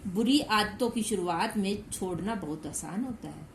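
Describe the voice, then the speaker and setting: A woman teacher reads a children's story and goes back over each line in plain words, asking her pupils questions as she goes. Her voice sits at an ordinary middle pitch. It rings in an echoey room with a faint hum of noise behind it. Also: expressive, moderate pace. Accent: Hindi. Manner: explains each line again in simple words, asks the class questions. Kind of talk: reading and explaining a story to young pupils.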